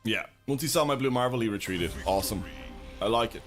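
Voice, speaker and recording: A man's voice: medium pitch, lively intonation, quick pace, a bit bright, faint music behind. A man casually commenting on his own card game as he plays live, thinking aloud and greeting viewers in chat. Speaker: streamer and YouTube host.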